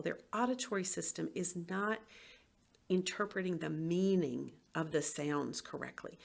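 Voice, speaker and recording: Woman presenting at a clinic, lowish voice w some fry, explains stuff and acts out the tones. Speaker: former teacher presenting for a biofeedback clinic. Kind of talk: educational presentation.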